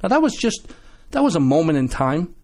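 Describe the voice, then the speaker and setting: A man guest on a radio show, telling animated stories with many restarts and acted-out quotes. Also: on the high side, brisk. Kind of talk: casual storytelling chat.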